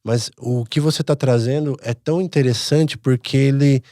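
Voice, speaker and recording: A man's voice: mid-range voice, steady tone, moderate pace, no room sound, studio quality. A Brazilian man co-hosting a podcast, reflecting aloud on what he has learned in a casual way. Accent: Brazilian Portuguese. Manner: reflective, thinks out loud. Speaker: podcast co-host. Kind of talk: casual chat.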